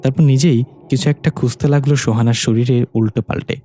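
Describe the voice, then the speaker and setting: A man's voice: mid-range voice, fairly even intonation, fast talker, warm tone. A man narrating a dramatic story and reading every character's lines himself. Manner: reads all parts, voicing women and men in his own voice.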